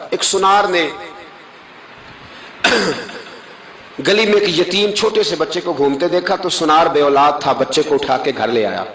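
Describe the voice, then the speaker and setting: A man's voice: on the high side, pauses often, fairly bright tone, reverberant, poor audio. A man preaching a sermon, telling moral stories with emphatic rises and acting out quoted voices.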